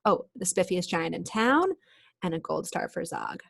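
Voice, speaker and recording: With a fairly low pitch, lively intonation and some vocal fry, a woman reads a storybook to children. She is expressive and pauses to chat, explain things and ask her little listeners questions.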